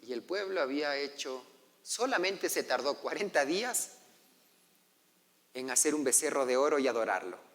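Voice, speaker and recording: Male pastor, animated storytelling sermon, high voice, long hall reverb. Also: moderate pace, pauses often. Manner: storytelling, acting out quoted voices, asking the congregation. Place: church hall.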